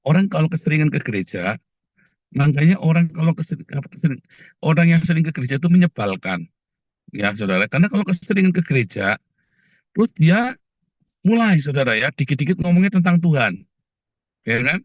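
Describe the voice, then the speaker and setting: A man preaching a casual, animated sermon, often calling his listeners "saudara" and slipping into quoted voices. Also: fairly high pitch, fairly quick, pauses often, no room sound. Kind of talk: conversational sermon. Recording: dull muffled dry sound.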